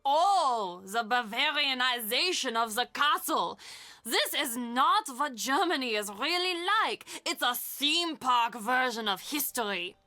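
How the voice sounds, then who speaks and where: Bright, animated, chatty middle-aged woman. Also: sits high, measured pace, dry recording, full character voice. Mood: wry, chatty. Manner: chatty, expressive, confiding. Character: warm, chatty middle-aged German castle employee and aunt. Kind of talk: video game voice acting.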